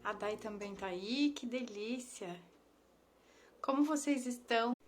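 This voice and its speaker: A woman's voice: a little high, measured pace, a little hiss or hum. A woman, hosting a casual live stream and greeting viewers by name in an affectionate way. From Brazil. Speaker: Instagram live host, ThetaHealing instructor. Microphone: phone or laptop mic on a live stream.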